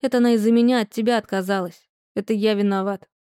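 Brief: woman reading a patient, reasoning young man, mellow tone, dry close sound. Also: mid-range voice, quick pace, smooth, dry recording, lightly acted. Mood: calm. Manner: calm, reasoning.

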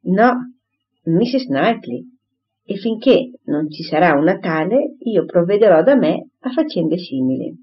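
A woman reading an audiobook, voicing a calm, dry, firm gentleman who speaks in a measured way, in a dull lo-fi recording. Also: fairly low pitch, husky, exaggerated voice.

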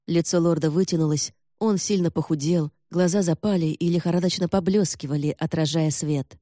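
A man reads fantasy fiction aloud in a steady, even way, the voice dark and mellow. The recording is close and dry with no room around it. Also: fairly high pitch, fairly quick, no room sound. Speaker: audiobook narrator. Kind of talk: scripted fantasy narration.

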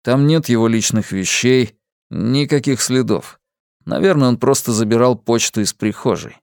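A man reading an audiobook, voicing a calm, thoughtful male police detective who speaks slowly and quietly. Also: medium pitch, creaky, no room sound, studio quality, lightly acted. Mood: pensive. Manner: slow, quiet and pensive.

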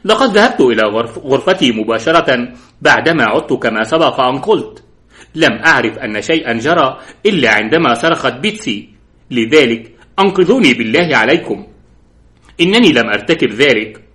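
A man's voice: mid-range voice, sing-song, fairly quick, a bit bright. A man voicing a distressed male suspect who pleads his innocence while crying. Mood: pleading.

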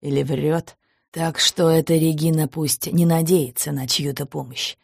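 Woman narrator, audiobook, low husky voice, dry close sound. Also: fairly even intonation, a little slow, no echo. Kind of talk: scripted narration.

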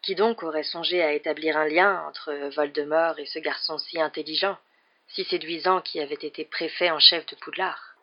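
A measured, expressive audiobook narrator reading a novel chapter. The voice sits in a middle register, and the recording is dull and lo-fi. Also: mid-range voice.

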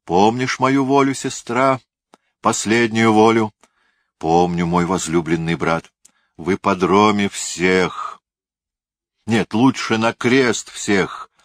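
A man's voice: sits low, no echo, studio quality. A man voicing a dying old tyrant king who rages and issues commands in delirium. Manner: raving, commanding outbursts.

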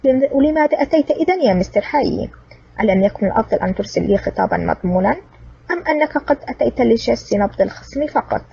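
Sarcastic, unflappable male hero voiced by a woman narrator, husky and dark. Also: medium pitch, animated, racing, full character voice. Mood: cool sarcasm. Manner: cold, mocking sarcasm. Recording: distant, dull lo-fi recording.

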